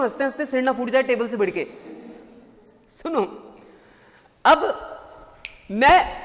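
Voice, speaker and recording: A man lecturing a class in a joking, lively way. He keeps asking the students questions and telling them to answer. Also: very high voice, big-room sound. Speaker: teacher.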